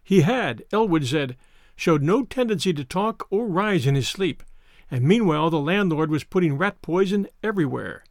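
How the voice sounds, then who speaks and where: A man's voice: on the high side, lively intonation, moderate pace, no echo, studio quality. A man, a podcast host, reading a horror story aloud in audiobook style.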